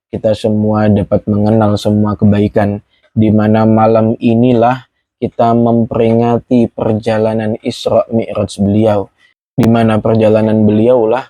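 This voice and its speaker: A man's voice: lowish voice, warm tone, no echo. A man with an Indonesian accent preaching a sermon to a women's gathering, with rhythmic, declamatory repetition.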